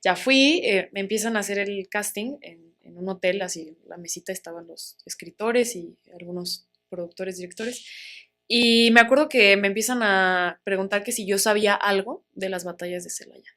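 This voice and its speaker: This is a young woman with a Mexican accent, a guest in a relaxed interview. She tells her story in a lively way and slips into the voices of the people she quotes. Her voice sits at an ordinary middle pitch. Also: moderate pace. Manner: animated, acts out quoted voices, laughs often.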